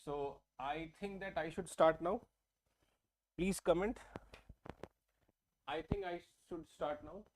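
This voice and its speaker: A young man with an Indian English accent teaches exam-prep math in a live-streamed whiteboard lesson from an indoor studio at a large screen. His voice is on the high side and darkish, slow with frequent pauses, in a rough recording with a little hiss or hum. He talks chattily, repeats himself and often checks that viewers are following.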